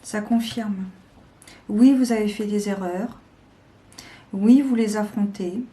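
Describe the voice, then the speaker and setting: A woman giving a slow, deliberate weekly tarot guidance, with frequent pauses and hesitations. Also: mid-range voice, mellow. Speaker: tarot reader.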